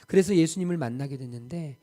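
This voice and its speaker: A man's voice: on the high side, quick pace, warm tone. A male pastor preaching a sermon, telling a story dramatically and acting out the quoted speech with emphatic rises. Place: church sanctuary.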